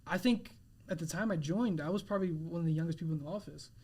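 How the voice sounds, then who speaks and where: A young man with a somewhat higher voice speaks as a guest on a podcast. He talks earnestly, restarting phrases and reaching for words as he explains himself. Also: a little mellow. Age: 20s. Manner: earnest, halting, many restarts and fillers. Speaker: realtor guest. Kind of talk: casual interview chat.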